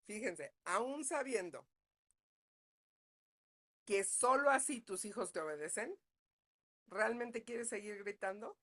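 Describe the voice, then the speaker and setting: A woman leads a parenting class as a psychologist. She talks in a relaxed, conversational way and keeps checking in with her listeners. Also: mid-range voice, unhurried. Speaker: psychologist leading a parenting talk. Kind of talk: live online parenting class.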